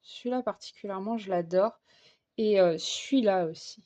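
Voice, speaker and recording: Coloring at her desk for a vlog, a young woman talks casually in a warm, medium-pitched voice at normal speed. She sounds hesitant, with lots of fillers and restarts.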